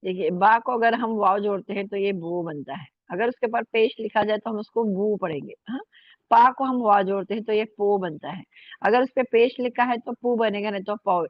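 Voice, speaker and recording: A woman's voice: medium pitch, moderate pace, dry recording, highs cut off. A woman teaching an online Urdu lesson, patiently spelling out letters and syllables and checking in often with her students. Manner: patient, repeats "ठीक है" and "है ना" often.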